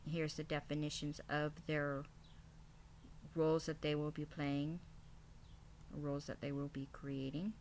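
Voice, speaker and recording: A woman speaking as a kindergarten teacher, reading out a lesson plan in a halting, item-by-item way. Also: deep voice, little pitch movement, darkish tone, a little hiss or hum.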